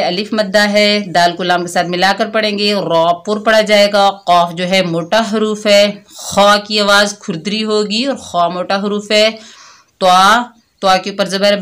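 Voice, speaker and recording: A woman teaching an online tajweed lesson, patiently explaining recitation rules step by step and reciting example words slowly. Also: mid-range voice, fairly bright tone.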